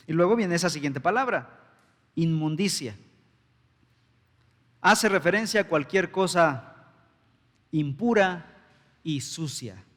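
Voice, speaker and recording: A man's voice: a little high, fairly bright tone, big-room sound. A man preaching a sermon as pastor, emphatic and full of rhetorical questions, recorded in a church sanctuary.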